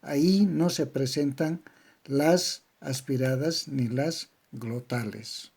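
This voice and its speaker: A man with a Bolivian accent giving a slow, methodical grammar lesson, spelling out syllable patterns word by word. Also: medium pitch, creaky, darkish tone, slightly rough. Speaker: language teacher. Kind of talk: slow didactic lecture on grammar.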